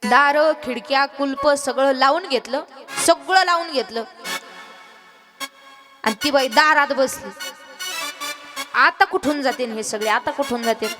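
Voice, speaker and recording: A woman telling a lively, playful devotional story sermon. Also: sits high, unhurried, long pauses. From Maharashtra. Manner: lively, playful, laughing at her own jokes. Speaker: kirtankar, storyteller. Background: music.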